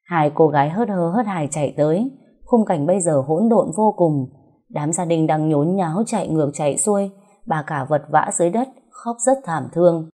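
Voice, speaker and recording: Low, mellow woman narrating a story. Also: expressive, normal speed, slightly rough.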